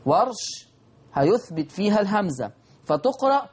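A man with an Egyptian Arabic accent teaching Quran recitation rules, answering imagined student questions and chanting verses slowly. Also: sits high, sing-song, a little mellow. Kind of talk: televised recitation lesson.

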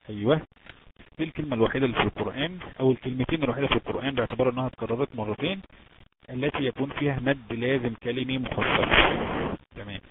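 Man, Egyptian accent, tajweed teacher, step-by-step explanations, tinny phone-like sound, noisy line. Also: medium pitch. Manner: explains step by step, asks students questions, drawn-out chanted examples. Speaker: Quran recitation teacher. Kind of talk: online tajweed lesson.

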